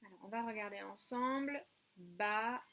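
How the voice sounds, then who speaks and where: Woman, French accent, preschool teacher, very slow, bright clear voice, drawn-out counting and spelling. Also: fairly high pitch. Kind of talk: home-school lesson video for young children.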